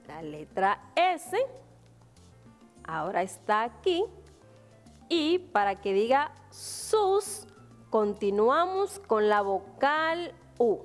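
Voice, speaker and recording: A woman's voice: on the high side, big pitch swings, very slow, pauses often, in a large hall, soft background music. A woman with a Dominican Spanish accent teaching a virtual class to young children, spelling out syllables patiently and answering her own questions. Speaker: primary school teacher.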